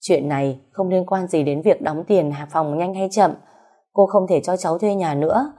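A woman's voice: fairly low pitch, warm tone, lightly acted. Woman voicing a blunt middle-aged landlady. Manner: curt, brisk.

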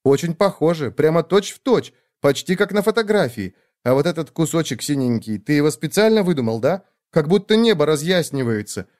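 A man's voice: fairly high pitch, darkish tone, pitched above the performer's own voice, natural voice. A man voicing a chatty young woman, a caring little sister who talks on and on. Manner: talkative, eager and fussing.

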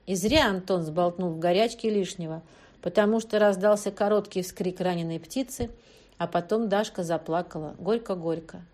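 A woman's voice: fairly low pitch, moderate pace. Woman narrating a tense audiobook. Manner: tense, expressive first-person telling.

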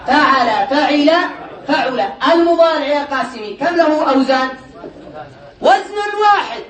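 A man with a high voice teaches a classroom lesson, drilling his students with repeated questions. He sounds distant, caught by the mic from across the room. The room echoes, with a faint class murmur behind him. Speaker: teacher of Arabic morphology. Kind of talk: classroom lecture.

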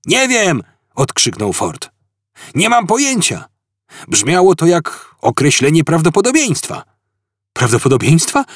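Ford Prefect, a loud excitable alien, as a man voices him. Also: fairly high pitch, unhurried, breathy edge, no room sound, studio quality, pitched above the performer's own voice, heavily acted. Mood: agitated. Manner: agitated, explaining loudly. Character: excitable alien man, hitchhiking know-it-all.

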